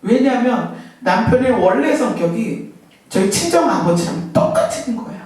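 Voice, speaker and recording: A middle-aged woman preacher giving a sermon, asking the congregation lively rhetorical questions. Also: a little high, normal speed. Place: church sanctuary. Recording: echoey hall, mic from far off.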